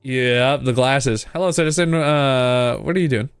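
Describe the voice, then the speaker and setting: A man's voice: mid-range voice, slow pace, clear, resonant tone, no room sound, studio quality. A man giving a casual, playful game playthrough, reading text aloud and muttering asides to himself. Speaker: gaming video host.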